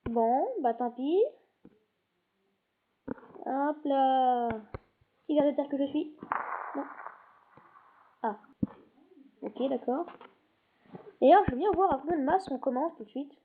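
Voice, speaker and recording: High-voiced rambling gaming host, woman. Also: takes it slowly, long pauses. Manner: rambling, keeps cutting herself off. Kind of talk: casual gameplay commentary. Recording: tinny phone-like lo-fi recording.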